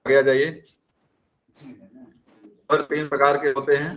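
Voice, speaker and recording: A man's voice: fairly high pitch, little pitch movement, takes it slowly, poor audio. A man teaching grammar in an online class, explaining step by step and often checking whether students have understood.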